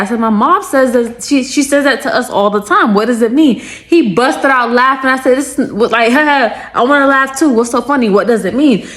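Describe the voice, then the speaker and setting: Animated woman telling a storytime. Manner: animated, jumps into high-pitched quoted voices. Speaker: storytime creator. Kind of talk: casual storytime monologue.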